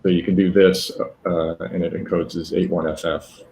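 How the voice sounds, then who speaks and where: A man presenting a live technical demo, talking haltingly with many fillers and self-corrections. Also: deep voice, flat delivery, mellow, a little hiss or hum, rough recording.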